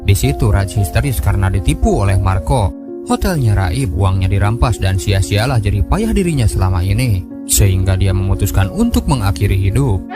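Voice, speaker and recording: A man's voice: lowish voice, animated, normal speed. A man giving a scripted storytelling narration of a film recap. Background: background music.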